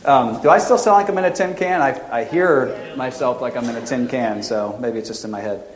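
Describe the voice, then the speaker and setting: A man's voice: medium pitch, fairly quick. A man preaching a sermon in a church, his voice carrying a hollow tin-can sound through the hall speakers, with chatty self-deprecating asides. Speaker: lay preacher. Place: church sanctuary. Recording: echoey hall with long reverb.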